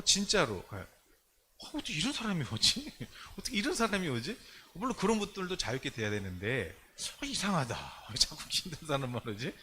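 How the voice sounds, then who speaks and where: A man's voice: on the high side, a little hiss or hum. A male pastor giving a conversational sermon in church, talking in a loose, chatty way and acting out the people he quotes. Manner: animated, colloquial, acts out quoted dialogue.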